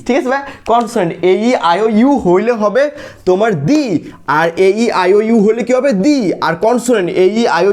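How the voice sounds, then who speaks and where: A young man from Bangladesh teaching English grammar for exam prep. He drills students by asking questions and answering them himself, and keeps calling them brother. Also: high voice. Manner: calls listeners brother over and over. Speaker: English tutor. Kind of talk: energetic exam-prep lesson with call-and-response drills.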